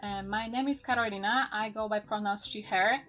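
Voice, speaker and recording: A woman of twenty-one from Poland, a native Polish speaker with a Polish accent, talking as a podcast guest in a halting way, restarting phrases and searching for words. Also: mid-range voice, fairly even intonation, fairly bright tone, soft background music. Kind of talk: casual podcast chat.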